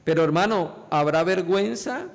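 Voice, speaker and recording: Preacher in a church: a man with a high, gravelly voice, pleading and emphatic, long hall reverb. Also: lively intonation, moderate pace. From Colombia. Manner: emphatic, repeatedly addresses listeners as brothers. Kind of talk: sermon.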